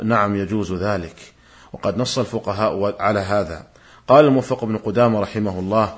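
Low-voiced man lecturing in formal standard Arabic. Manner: formal, measured, citing quotations. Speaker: religious lecturer presenting a programme series.

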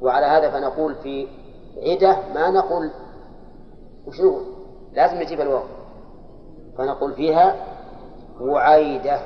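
A man teaching a grammar class, explaining step by step and quizzing his students. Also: medium pitch. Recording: echoey hall, dull lo-fi sound, faint hiss.

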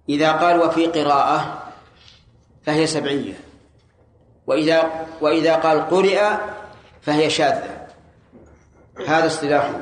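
Higher-voiced man teaching in an echoey room. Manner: explanatory, quizzes students directly. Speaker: teacher of Quran commentary. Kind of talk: classroom lesson explaining a text. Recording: echoey room with faint hiss.

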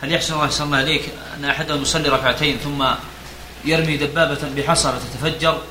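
A man's voice: a little high, steady tone, racing, echoey room, background noise. A man asking a scholar questions during a lesson, addressing him politely before each question.

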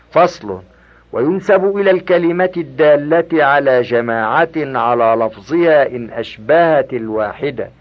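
A man reading a classical grammar book aloud in a slow, formal, deliberate recitation. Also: medium pitch. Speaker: reader of a classical grammar text. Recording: dull lo-fi cassette tape recording.

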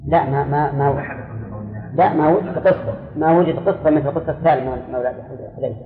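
A man's voice: fairly high pitch, quick pace. A man, a religious scholar teaching a class on Islamic law, explaining and answering students' questions while repeating key words. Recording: phone-like audio in a long-echoing hall.

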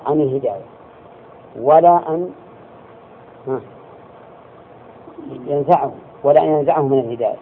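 Man teaching over a tinny recording. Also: mid-range voice. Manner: deliberate, checks students with quick questions. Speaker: religious teacher. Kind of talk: classroom lesson explaining hadith and grammar. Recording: tinny lo-fi lecture recording with faint hiss.

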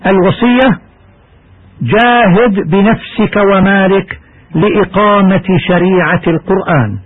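A high-pitched, husky man gives a measured, formal lesson on Quran recitation. It is a dry, phone-like radio broadcast with a narrow, tinny sound. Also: no echo. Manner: measured, formal instructional delivery. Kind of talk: scripted lesson narration.

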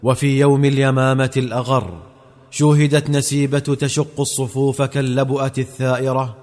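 A man's voice: medium pitch, little pitch movement, brisk, darkish tone. Solemn male narrator with long reverb. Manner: solemn, formal classical delivery. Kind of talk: scripted narration of a historical story.

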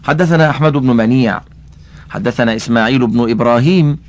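Reading fast in a mid-range voice, this audiobook reader works through a classical religious text. Along the way he offers commentary, explains the vowelling of names with care, and addresses the listener.

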